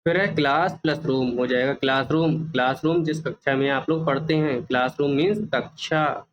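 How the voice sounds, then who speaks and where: A man teaching a children's English workbook, slowly repeating words and their meanings. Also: mid-range voice, muffled recording. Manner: slow, repeats each word and meaning for children.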